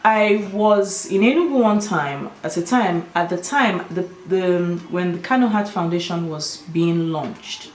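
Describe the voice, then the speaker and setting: A woman's voice: fairly low pitch, animated, a little slow, hardly any pauses, a little hiss or hum. A woman with a Nigerian Igbo accent talking casually and emphatically to her viewers, giving her opinions. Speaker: video host. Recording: roomy, echoing sound.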